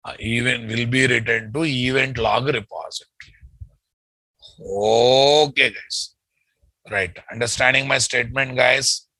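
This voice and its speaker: Slow, bright-voiced man with Telugu Indian accent, teaching. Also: medium pitch, steady tone, no room sound, rough recording. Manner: repetitive, often addressing students as "guys". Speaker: software trainer. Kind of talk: live technical lecture, drawing and explaining step by step.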